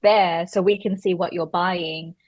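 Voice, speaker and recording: A woman tells her story as a podcast guest, chatty and animated, stumbling over fillers and restarts. Her voice sits a little low and is recorded close and dry. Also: unhurried, no echo. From Australia. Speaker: guest, personal stylist.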